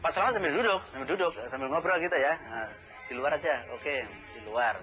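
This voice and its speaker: A man's voice: a little high, fairly quick. A man recounting events as a neighbor witness, acting out the dialogue as he tells it. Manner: animated, acts out the dialogue he retells. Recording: dull lo-fi TV audio with music. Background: music.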